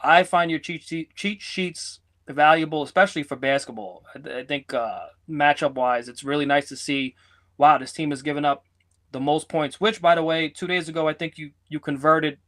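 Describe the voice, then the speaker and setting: A man co-hosting a sports betting podcast, talking in a loose, rambling way. He jokes and teases his co-host in casual banter, and his voice sits a little high for a man. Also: steady tone, moderate pace, fairly bright tone.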